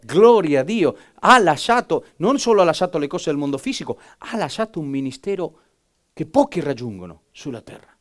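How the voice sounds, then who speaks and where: A man preaching a sermon and reading scripture with dramatic delivery, swinging from loud emphatic bursts to hushed, almost whispered lines. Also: on the high side, sing-song, fairly quick.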